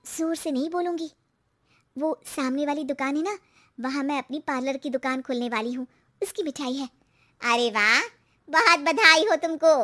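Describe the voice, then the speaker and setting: A woman voicing a hopeful young wife in a cartoon story who talks in a bright, chatty way. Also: high-pitched, moderate pace, voice pushed up. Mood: confiding.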